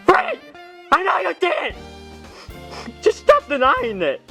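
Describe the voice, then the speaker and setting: A man voicing a hot-tempered female plush chick in a comedy puppet skit, yelling accusations. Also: fairly high pitch, sing-song, normal speed, soft background music. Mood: shrill accusing.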